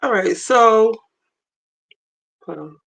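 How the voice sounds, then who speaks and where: A woman with a hoarse voice chatting casually on a livestream while she cooks in her kitchen. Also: a little high, lively intonation, extremely slow, a bit bright, low-quality recording. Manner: chatty, multitasking while cooking. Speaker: livestream host. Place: home kitchen, running water. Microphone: phone camera.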